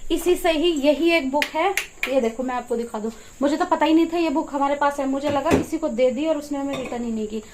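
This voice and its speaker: Middle-aged woman, high voice, chatty home vlog at home on a phone, bit of background hiss. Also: fairly quick. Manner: chatty, explains while doing chores. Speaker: vlogger. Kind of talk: casual home vlog chat. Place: home kitchen and yard.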